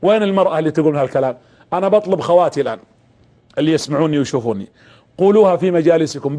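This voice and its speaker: A man's voice: sits high, a little mellow. A man preaching a sermon, impassioned, telling a story and addressing his listeners directly.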